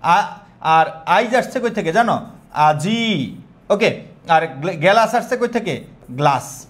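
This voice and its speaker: A man's voice: high-pitched, expressive, measured pace, fairly bright tone. A young man with a Bangladeshi Bengali accent teaching a live online exam-prep class, repeating questions and quizzing students.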